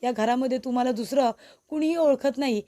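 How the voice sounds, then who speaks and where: A woman's voice: high voice, fairly quick, dark tone, dry recording, natural voice. A woman reading as a defiant accusing young wife. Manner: accusing, blunt.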